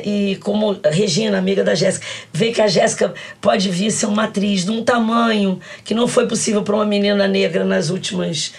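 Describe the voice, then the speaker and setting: A Brazilian woman in her sixties, an actress telling stories in an interview, crying and laughing as she talks. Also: mid-range voice. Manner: expressive, storytelling, laughs while talking. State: tearful, crying while speaking. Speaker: actress and guest. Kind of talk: emotional interview talk.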